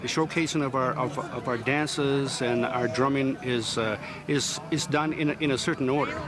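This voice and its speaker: A man who works as a powwow emcee, explaining things haltingly in a casual interview, often repeating words. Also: medium pitch, fairly even intonation. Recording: clear outdoor background noise.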